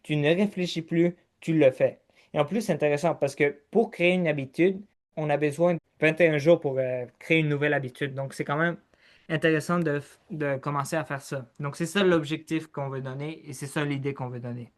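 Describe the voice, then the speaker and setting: This Quebec-born podcast host, with a Québécois French accent, talks in a slightly high, steady voice at a fairly quick clip. His casual delivery is structured, listing steps one by one and speaking straight to the listener.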